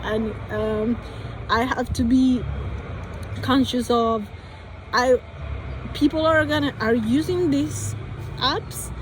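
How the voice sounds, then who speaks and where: A woman's voice: sits high, slow pace, long pauses, slight background noise, low-quality recording. A young woman from Colombia with a Colombian Spanish accent, speaking English as a second language and thinking aloud in a hesitant vlog full of restarts and fillers. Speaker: vlogger.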